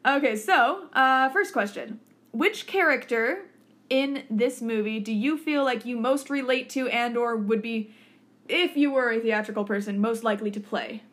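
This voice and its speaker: A woman's voice: on the high side, normal speed, fairly bright tone. Playful woman hosting a podcast. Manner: playful, leads the questions. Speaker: podcast host. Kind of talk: casual chat.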